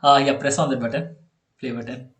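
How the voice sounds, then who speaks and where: A man with an Indian English accent tutoring a child in programming on a video call, chatty and quick to laugh. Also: medium pitch, steady tone, fairly bright tone, roomy sound. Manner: chatty, laughs often, repeats okay and yeah. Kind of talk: online one-on-one coding lesson.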